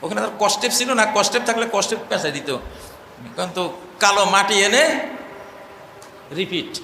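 Guy preaching hard, bright high voice, loud then soft, echoey hall. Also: lively intonation, normal speed, creaky. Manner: impassioned, swings between loud cries and low murmurs, chants verses. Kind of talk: impassioned sermon. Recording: echoey hall, faint noise.

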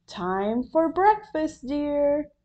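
A woman voicing a kindly mother frog in a storybook, speaking in a gentle, motherly way. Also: high voice, very animated, extremely slow, highs cut off, pitched above the performer's own voice, full character voice.

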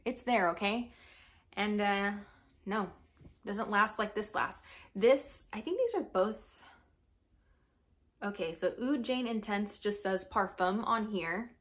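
A woman's voice: mid-range voice, takes it slowly, pauses often. A young American woman with braces slightly affecting her articulation, chatting informally and expressively to camera in a product review. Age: young adult. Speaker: perfume reviewer. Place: small furnished room at home, indoors.

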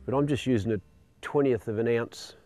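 A man explaining lure technique while fishing outdoors on a jetty, in a relaxed, upbeat way. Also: mid-range voice, brisk. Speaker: angler demonstrating lures. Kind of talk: casual fishing demonstration. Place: outdoors on a marina jetty by the water.

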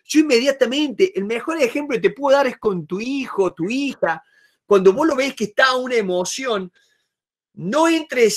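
A man's voice: very high-pitched, a bit bright. A man with an Argentine accent teaching a negotiation class, emphatic and repetitive, acting out short examples. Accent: Rioplatense Spanish. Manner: emphatic, repeats key words, acts out examples. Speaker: negotiation trainer. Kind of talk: lively online masterclass.

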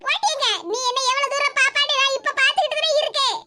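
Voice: very high-pitched, steady tone, quick pace. A performer voicing a bitter, grumbling old mother in a cartoon, with a Tirunelveli Tamil accent and a scolding, self-pitying way of talking. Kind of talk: cartoon voice acting. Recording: loud background noise.

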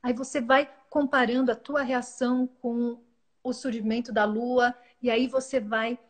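A woman speaks as a guest in an earnest, reflective way. Her voice sits a little high, and she often breaks off and restarts words mid-phrase. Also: flat delivery, unhurried. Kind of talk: reflective spiritual talk.

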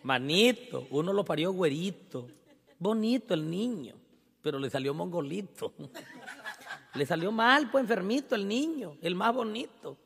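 A man with a Mexican accent doing crude, teasing stand-up banter as emcee at a live show, rowdy and quick to laugh. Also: high voice, animated, creaky, fairly bright tone, breathy edge. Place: live concert stage. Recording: reverberant live venue with band music. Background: band music.

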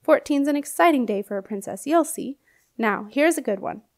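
A woman's voice: sits high, lively intonation, moderate pace, pitched above the performer's own voice. Woman doing a jovial ancient ghost knight. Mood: joking. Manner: jovial, chuckling, jokey. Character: cheerful ancient male ghost knight, joking guard.

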